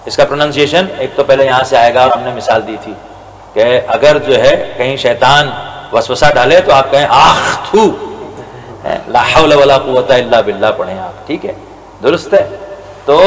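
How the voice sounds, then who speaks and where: Man teaching letters in a reverberant hall. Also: medium pitch. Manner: slow and deliberate, drawing out each Arabic letter. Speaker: religious scholar teaching Quran recitation. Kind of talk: religious lesson. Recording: reverberant hall with faint noise.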